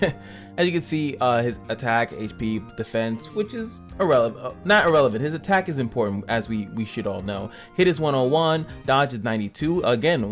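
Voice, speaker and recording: A man hosting a casual gaming commentary channel, joking and chatty as he reviews a character. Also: medium pitch. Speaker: game reviewer and channel host.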